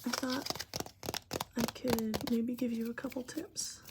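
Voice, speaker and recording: A woman delivers a whispered ASMR pep talk in a breathy, hushed, slightly high voice with plenty of creak. Her phrasing is gentle, halting and informal, as if advising one listener. Clear noise with clicks and rustles sits behind the voice. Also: level tone. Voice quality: breathy whisper mixed with very soft-spoken voice. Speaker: ASMR creator giving advice.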